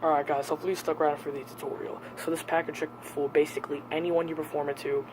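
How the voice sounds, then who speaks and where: A man's voice: on the high side, little pitch movement, quick pace, background noise. A man giving a casual step-by-step tutorial as a presenter, repeating key points for emphasis.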